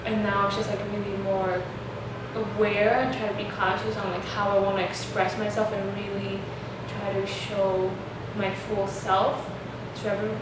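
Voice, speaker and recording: A woman's voice: mid-range voice, level tone, normal speed. A young woman hosting a casual chat, rambling and filling her sentences with "like" and "um". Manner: rambling, many fillers like "like". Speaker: host. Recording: echoey room, distant mic, noisy.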